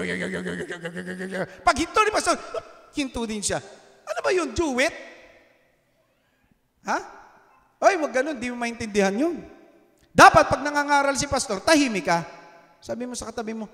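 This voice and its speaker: A man with a Filipino accent preaching a sermon in a church, animated and teasing, asking the congregation questions and switching between Tagalog and English. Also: high voice, big-room sound. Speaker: pastor. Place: church hall.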